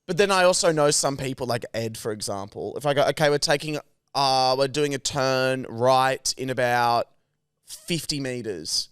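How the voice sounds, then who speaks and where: A young Australian man co-hosting a podcast, telling boastful, animated stories in casual chat with plenty of swearing. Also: mid-range voice, normal speed, smooth, no echo, clean studio sound. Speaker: podcast co-host.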